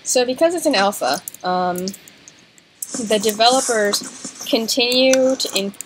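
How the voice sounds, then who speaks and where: A young woman co-playing a game, soft-spoken and mumbling in casual chat. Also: on the high side, unhurried, background noise. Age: young adult. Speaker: co-player. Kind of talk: casual let's-play chat.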